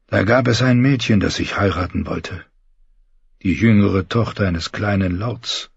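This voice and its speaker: A weary, regretful holy man in his forties, once a knight, as a male audiobook reader plays him. He speaks low and slow, with a gravelly, husky rasp and a quiet, confessional calm. The sound is dull and close. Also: no room sound, exaggerated voice. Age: 40s. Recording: dull muffled recording.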